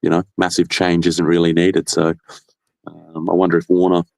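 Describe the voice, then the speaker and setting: A man, a guest caller, giving casual and understated opinions in a measured way. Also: low-pitched, completely flat delivery, gravelly, darkish tone, dry recording, studio quality. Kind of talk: casual chat.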